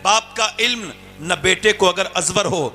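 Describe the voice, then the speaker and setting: Male preacher, high bright voice, fervent storytelling sermon, faint music underneath. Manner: impassioned, rising to shouts, urges crowd to call out. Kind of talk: Urdu religious sermon with storytelling.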